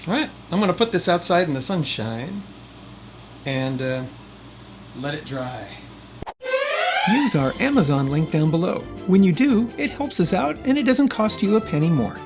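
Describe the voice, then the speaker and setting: With music in the background and a loud air conditioner humming behind his voice, a DIY video series host chats through a casual how-to vlog. His high voice is very animated at normal speed, and he's folksy and jokey, prone to rambling asides.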